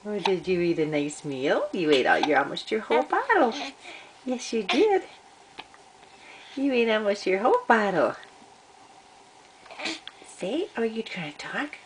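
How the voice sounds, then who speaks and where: A grandmother babysitting at home coaxes a baby with repetitive sing-song baby talk, her medium-pitched voice swinging hugely in pitch, unhurried and full of pauses. It's captured on a camcorder mic with noisy home audio.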